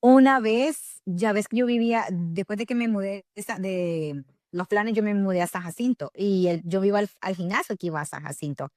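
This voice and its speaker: A young Salvadoran woman with a Salvadoran accent recounts her life as a podcast guest. She speaks candidly and animatedly, pausing on fillers and restarting her sentences. The sound is dry and close. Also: mid-range voice, no echo. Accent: Salvadoran Spanish. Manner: candid, animated storytelling with frequent fillers and self-corrections. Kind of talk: personal storytelling in an interview.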